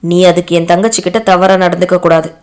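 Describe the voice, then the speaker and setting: A woman's voice: lowish voice, fairly even intonation, brisk, a little mellow, close to an everyday voice. A woman voicing a young man who speaks harshly and scornfully. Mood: threatening.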